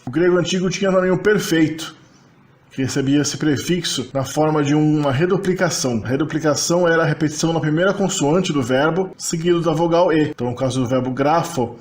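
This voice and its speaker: A man's voice: fairly high pitch, a little fast, slight background noise. A man giving a narrated slide lecture on linguistics, explaining each table step by step. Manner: methodical and explanatory, walking through tables step by step.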